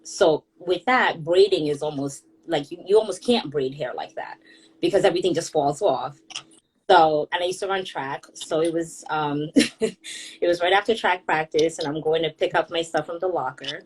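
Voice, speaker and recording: A young woman from Kenya talks about her life in a relaxed, chatty way, laughing often as she goes. Her voice sits a little low and has a husky edge. She is speaking on a group audio call. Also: moderate pace, rough recording. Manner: chatty, laughs often while telling stories. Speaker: guest, hairstylist and blogger.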